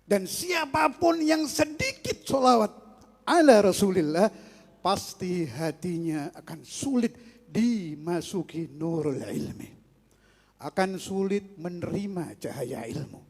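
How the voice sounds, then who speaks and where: A man preaching a religious sermon, moving from quiet teaching to loud, fervent exhortation. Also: sits high, lively intonation, slow, gravelly, in a large hall.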